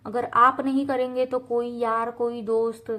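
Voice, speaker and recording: A woman's voice: on the high side, little pitch movement, unhurried, sharp tone. A young woman from India giving earnest, direct study advice in a casual talk to camera, repeating points for emphasis and slipping in English phrases. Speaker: student advice vlogger.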